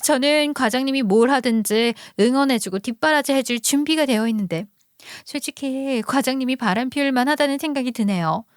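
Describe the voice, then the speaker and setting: Smug, high-voiced mistress, done by a woman narrator. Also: no room sound, clean studio sound, natural voice. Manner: sweetly polite, then boldly defiant. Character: smug cheating mistress, young woman, brazen.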